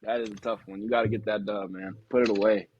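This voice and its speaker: A man's voice: on the low side, fast, slightly rough, highs cut off. A young man co-hosting a sports podcast, talking casually with lots of slang and frequent laughs. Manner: animated, slangy, laughs often. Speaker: podcast co-host.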